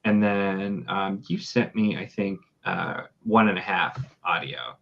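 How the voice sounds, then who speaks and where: A man interviewing an author in a casual chat, talking haltingly with many fillers and restarts. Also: low voice, creaky, dull audio. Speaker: interviewer, book reviewer.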